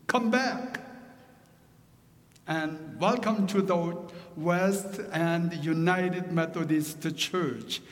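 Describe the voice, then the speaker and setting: A middle-aged Korean pastor, Korean his first language, delivers a sermon in a Korean accent with a high voice. He speaks slowly and deliberately, slipping in joking asides, and the sound carries through a large hall.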